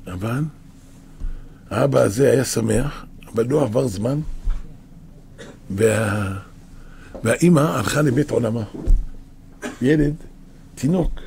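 A man preaching a sermon, telling a parable with animated, repetitive emphasis. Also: medium pitch, vocal fry, slight background noise.

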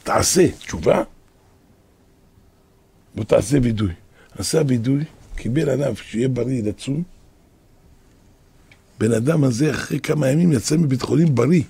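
Very husky man telling sermon tales. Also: medium pitch, long pauses, dark tone, dry recording. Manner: repeats phrases for emphasis, acts out quoted speech. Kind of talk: storytelling sermon.

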